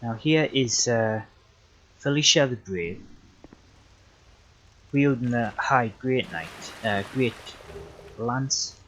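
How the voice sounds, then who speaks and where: A man's voice: medium pitch, slow pace, pauses often, slight background noise, rough recording. A young man giving casual, rambling commentary on his livestreamed gameplay, correcting himself often with plenty of fillers. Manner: relaxed, rambling, self-correcting with many fillers. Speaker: livestreaming gamer.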